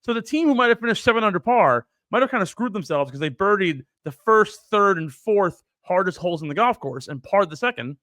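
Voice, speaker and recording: A young adult man, a podcast co-host, casually telling a story, animated and profane, acting out the people he quotes. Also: high voice, fairly quick, few pauses, no room sound, studio quality.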